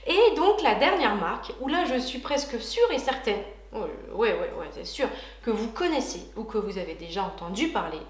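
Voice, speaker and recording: A woman's voice: on the high side, big pitch swings, normal speed, roomy sound. A woman beauty vlogger chatting casually and enthusiastically through a product unboxing, with frequent hesitations.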